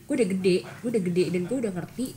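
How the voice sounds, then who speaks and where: A young woman co-hosting a podcast, telling stories in an animated, expressive way with casual slang. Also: mid-range voice, fast, slight background noise. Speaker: podcast co-host. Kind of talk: casual storytelling chat.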